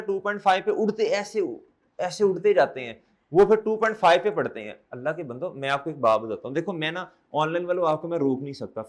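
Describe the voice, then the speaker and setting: A middle-aged man lectures an accounting class in a somewhat high voice. He coaxes and scolds by turns, often firing questions back at his students. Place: classroom, also streamed online.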